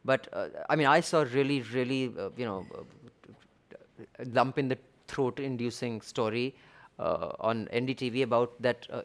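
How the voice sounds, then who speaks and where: Fast-talking Indian-accented man discussing news. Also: on the low side. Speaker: discussion host. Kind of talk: conversational news commentary.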